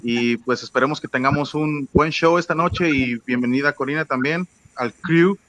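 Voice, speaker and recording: Slightly high-voiced man co-hosting. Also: normal speed, a bit bright. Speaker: panel co-host. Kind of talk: casual talk show chat.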